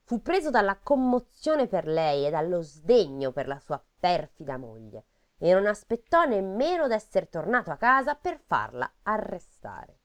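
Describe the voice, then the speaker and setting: A woman's voice: on the low side, big pitch swings, measured pace. A woman reading a fairy tale aloud in a casual comic chat, breaking off for sarcastic asides.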